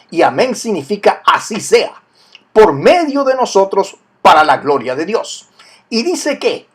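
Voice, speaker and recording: A man preaching a recorded sermon, teaching in a measured way, citing scripture verses and speaking directly to the believer. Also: sits high, breathy edge.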